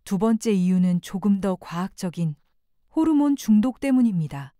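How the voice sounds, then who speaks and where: A woman reading a scripted self-help narration in a calm, reflective, gently persuasive way. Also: medium pitch, normal speed, no room sound, studio quality.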